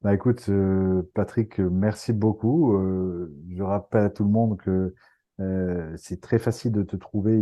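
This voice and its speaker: A man's voice: low-pitched, dark tone. A man interviewing a guest, speaking with frequent hesitations and fillers. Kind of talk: interview chat.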